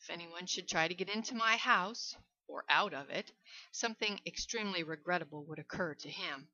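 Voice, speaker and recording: A woman's voice: lowish voice, a little fast, pushed and bright, highs cut off. A woman voicing a suave, menacing aristocratic male general with mocking courtesy.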